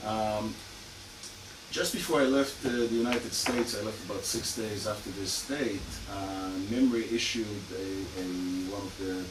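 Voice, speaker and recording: A man with a fairly low voice and a Hungarian and Israeli accent gives an academic criminology lecture at normal speed, relying on lots of fillers and dry asides. Recorded in a lecture room, the sound is echoey, noisy, and taken from a far mic.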